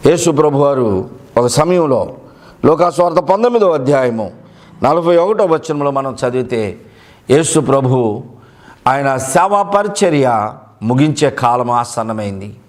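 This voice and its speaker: A male pastor preaching a sermon, emphatic and repeating key phrases for weight. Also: medium pitch.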